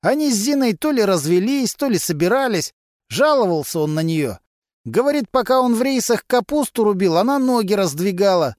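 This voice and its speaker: A man's voice: high voice, sing-song, fairly quick, a little mellow, no echo, studio quality, pitched above the performer's own voice. A man voicing a cocky, mocking male mechanic who talks in thieves' slang, in an audiobook. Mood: brash. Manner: mocking, brash, full of criminal slang.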